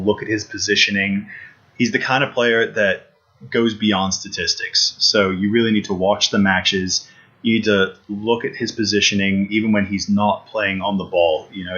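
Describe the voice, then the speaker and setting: A man co-hosts a casual football podcast, talking eagerly about sports, often restarting his sentences and repeating his points. His lowish voice is bright and forceful, and the podcast audio is dull and lo-fi.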